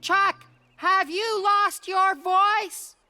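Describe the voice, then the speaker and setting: A woman's voice: extremely high pitch, steady tone, extremely slow, bright, forceful tone, dry recording, exaggerated voice. A woman voicing a playful, teasing young truck in a children's cartoon.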